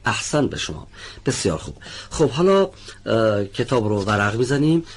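A man's voice: lowish voice, big pitch swings, slight background noise. A man teaching pronunciation in a studio lesson, patiently explaining sounds and calling on students one by one.

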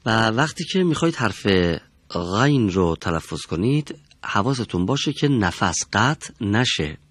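Low-voiced man teaching letter sounds slow and careful in a studio, dry close sound. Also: sing-song, a bit bright, husky, dry recording. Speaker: Quran recitation teacher. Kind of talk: studio lesson on letter pronunciation.

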